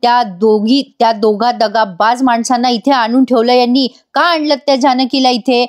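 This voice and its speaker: A woman's voice: on the high side, fairly even intonation, moderate pace, natural voice. A woman voicing a manipulative young daughter-in-law who accuses and sneers. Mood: sneering.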